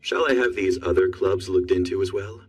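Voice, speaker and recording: Husky, formal anime aide. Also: male voice, sits low, normal speed. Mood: formal, deadpan. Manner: formal, deferential. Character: formal, dutiful male aide to an anime prince. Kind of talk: English anime dub acting. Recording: slightly distant sound, music behind.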